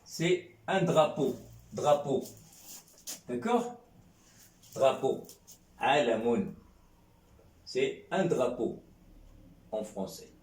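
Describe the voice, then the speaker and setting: Slow, echoey-voiced male teacher. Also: medium pitch, very animated, darkish tone. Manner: slow, repetitive, checking in with "hein?" and "d'accord?". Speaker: Arabic teacher. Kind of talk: classroom lesson. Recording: echoey room.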